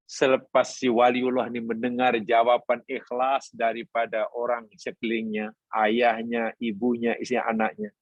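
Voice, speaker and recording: A man's voice: mid-range voice, no room sound, muffled recording. A man teaching a religious class, telling a story and quoting Arabic lines before explaining them. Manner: storytelling, voicing family members and quoting Arabic. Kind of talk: sermon.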